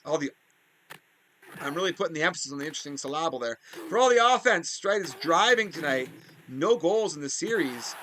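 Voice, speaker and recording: A man calls video game hockey plays in a high, bright, sharp voice. He jumps up in pitch and loudness on breakaways and saves, then drops into loose, chatty asides. Faint music plays behind him. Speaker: play-by-play commentator for a video game hockey league. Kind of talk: excited play-by-play commentary.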